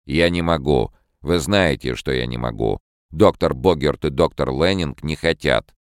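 A man voicing an anguished mind-reading robot in an audiobook, pleading and loud. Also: low-pitched, moderate pace, vocal fry, smooth, no room sound, clean studio sound, pitched above the performer's own voice. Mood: desperate. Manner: desperate, pleading.

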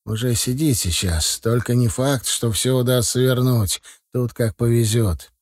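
A man's voice: medium pitch, unhurried, a little mellow, no echo, studio quality, close to an everyday voice. A man voicing an earnest young heir of a family business in an audiobook, speaking in a confiding tone.

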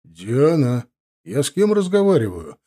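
A man's voice: medium pitch, very animated, a little slow, mellow. A man voicing a stern middle-aged father who keeps losing patience and questions his family sharply.

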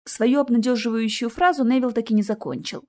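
A woman reading a fantasy audiobook aloud in an expressive, animated storytelling manner. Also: a little high, a little fast. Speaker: audiobook narrator.

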